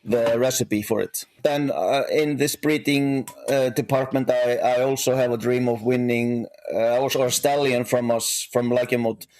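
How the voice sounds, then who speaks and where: A middle-aged man from Iceland, a horse breeder and coach, talking as an interview guest in a halting way with many restarts. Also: mid-range voice, fairly even intonation, a little mellow, no echo. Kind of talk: casual interview talk.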